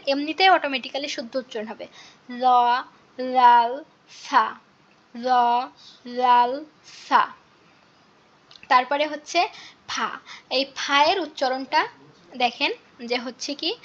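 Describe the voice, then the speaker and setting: A woman's voice: sits high, a bit bright, highs cut off. A woman teaching an online class, patiently explaining how to pronounce each letter and repeating every sound many times.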